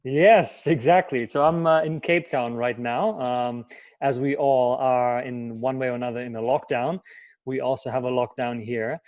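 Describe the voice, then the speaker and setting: A young adult German man, a native German speaker, answers interview questions in English as a guest life coach. His mid-range voice moves at a moderate pace on a dry recording, and he sounds energetic and enthusiastic, packing in lots of fillers.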